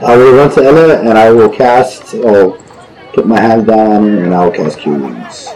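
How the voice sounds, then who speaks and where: A man playing a tabletop game, joking and lively as he declares his character's actions. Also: lowish voice, moderate pace, rough recording. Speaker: player.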